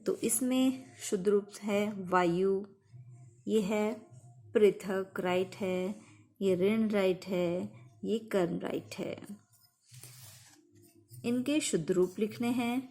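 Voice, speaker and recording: Mellow-voiced woman teaching grammar. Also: mid-range voice. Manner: patient, slow and emphatic on examples. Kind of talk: explaining grammar to children.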